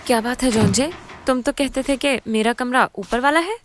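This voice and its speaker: A woman's voice: high voice, a little fast, a little hiss or hum, lightly acted. A trusting young mermaid, voiced by a woman. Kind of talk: dubbed TV drama. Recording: long reverb, music underneath. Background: faint music.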